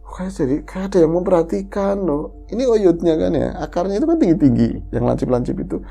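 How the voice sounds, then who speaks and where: A woman host retelling a listener's ghost story in the first person, lively and animated, acting out the quoted voices. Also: fairly low pitch, fast, vocal fry, faint music behind. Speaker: horror story podcast host.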